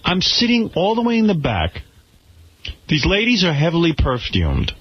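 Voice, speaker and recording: Animated, swearing male radio host. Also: a little high, moderate pace, slightly rough, no room sound. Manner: profane, animated, ranting. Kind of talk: casual radio storytelling. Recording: slightly muffled radio broadcast, faint hiss.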